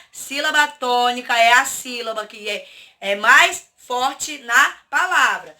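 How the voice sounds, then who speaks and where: A woman who teaches to children, going through a worksheet slowly and deliberately and checking often that the class remembers. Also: sits high, sharp tone. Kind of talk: worksheet lesson.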